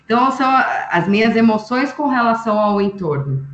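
An animated woman explains with example after example, checking in with quick tag questions. Her voice sits a little high. The sound is roomy and dull, like a remote call. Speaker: astrologer guest. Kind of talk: casual explanatory chat.

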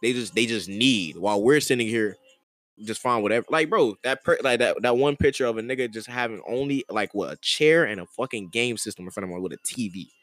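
A man co-hosting a podcast in loud, profane, emphatic casual banter. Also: medium pitch, fairly quick, no echo. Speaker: podcast co-host. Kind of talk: casual chat.

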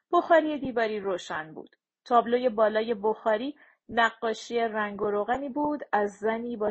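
A woman reads a novel aloud at a measured, steady pace. Her voice sits fairly high with a husky, breathy edge. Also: highs cut off. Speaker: audiobook narrator. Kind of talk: audiobook narration.

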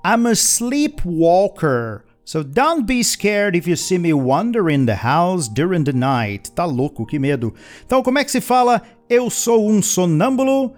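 A man with a high, very animated voice teaches English, moving from chatty explanations to slow, careful model sentences with playful asides to his learners. He takes his time overall, and soft music plays faintly behind him. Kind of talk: language lesson with repeat-after-me drills.

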